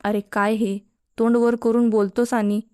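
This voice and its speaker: Woman reading a scolding male math teacher, mellow, smooth, higher tone. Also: little pitch movement, normal speed, no echo, clean studio sound, natural voice. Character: stern but kind middle-aged male math teacher.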